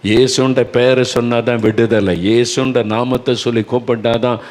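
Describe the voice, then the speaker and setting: A man's voice: mid-range voice, fairly even intonation, moderate pace, a little mellow. An older man preaching a devotional sermon with a Tamil accent, earnest and exhorting. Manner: earnest, exhorting, often quoting callers in a raised voice. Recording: long hall reverb.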